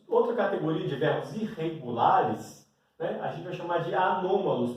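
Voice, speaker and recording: High-voiced male teacher in an echoey room. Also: darkish tone. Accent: Brazilian Portuguese. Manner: explains at a board, often adds a questioning "né?". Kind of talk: classroom grammar lesson. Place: classroom with a board. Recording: very echoey room, mic far away.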